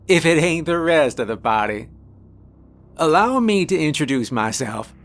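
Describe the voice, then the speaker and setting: Older wealthy Southern boss with a loud, booming drawl, put on by the male narrator in a storybook. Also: sing-song, moderate pace. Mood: jovial. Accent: American Southern. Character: short bald rich older man boss.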